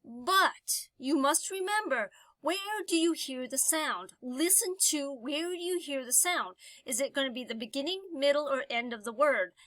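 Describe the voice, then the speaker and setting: A woman teaching a phonics lesson, slowly sounding out vowel sounds and stretching each one out for the learner. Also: sits high, expressive, fairly bright tone, no echo. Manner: slow, drawn-out sounding of vowels.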